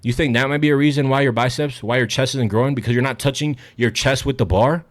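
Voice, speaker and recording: A man's voice: medium pitch, fast talker. A young man coaching fitness straight to camera, blunt, hyped and full of swearing, somewhat out of breath. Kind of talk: direct-to-camera fitness vlog.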